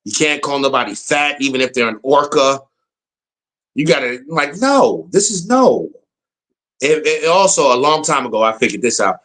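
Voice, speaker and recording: A man's voice: mid-range voice, lively intonation, moderate pace, fairly bright tone. Man, American accent, casual opinion rant, blunt, repetitive, emphatic. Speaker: political commentator.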